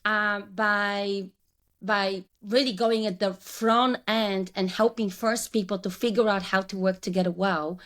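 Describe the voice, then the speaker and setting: This branding coach from Poland, a woman in her forties with a Polish accent, recounts her career reflectively as a podcast guest and keeps starting over. Her pitch is medium and her tone steady, slightly slow and a bit bright.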